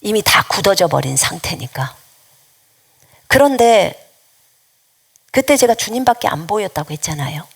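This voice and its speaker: Earnest woman preacher with a gravelly edge. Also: medium pitch, sing-song, moderate pace, pauses often. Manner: earnest testimony, dropping at times to a hushed, near-whispered voice; emphatic, repetitive preaching cadence. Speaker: missionary preacher. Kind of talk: sermon.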